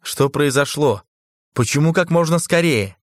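A man doing a gentle, easygoing young man. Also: fairly high pitch, animated, unhurried, dry recording, studio quality. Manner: soft, affectionate. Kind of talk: audiobook character voice.

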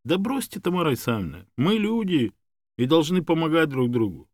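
A confident, good-humoured man of middle years, as a male storyteller plays him, talking in a raised, upbeat and reassuring tone. His speech moves lively up and down, recorded close and dry. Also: on the high side, moderate pace, dry recording, voice pushed up.

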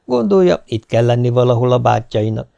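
A man reading folk tales aloud in a lively, expressive storytelling manner. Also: medium pitch, creaky. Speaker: audiobook reader. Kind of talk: folk tale narration.

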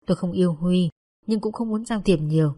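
A young woman, telling a first-person story in a calm, steady voice. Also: fairly low pitch, fairly quick. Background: faint music.

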